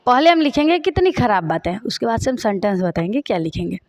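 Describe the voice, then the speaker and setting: High-voiced woman teaching English slowly. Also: sing-song, a little mellow. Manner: repeats phrases slowly while writing examples. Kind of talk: spoken English lesson explained in Hindi.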